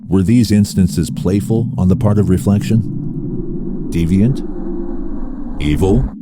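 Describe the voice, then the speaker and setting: A man with a deep voice delivers scripted dramatic narration. He is solemn and deliberate, like a narrator on a spoken-word album. Clear background noise sits behind him. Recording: noisy background ambience.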